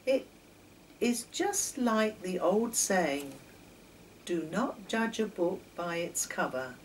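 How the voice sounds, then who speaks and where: An older woman, a children's story author, reads one of her stories with lively intonation in a mid-range voice. She is indoors in her home kitchen, picked up by a camera mic a few metres away with faint background noise.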